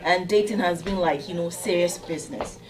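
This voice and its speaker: A woman's voice: lowish voice, brisk, music in the background, low-quality recording. A woman hosting a casual talk show, chatty and upbeat as she steers the panel.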